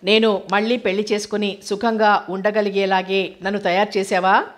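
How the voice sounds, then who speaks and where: A woman narrator voicing a withdrawn, sharp-tongued young woman with curt, bitter retorts. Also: medium pitch, level tone, normal speed, natural voice.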